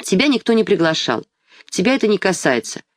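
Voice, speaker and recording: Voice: mid-range voice, big pitch swings, brisk, no room sound, close to an everyday voice. A reader voicing a pushy, crooked male doctor who gives curt orders. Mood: coaxing. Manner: curt, commanding.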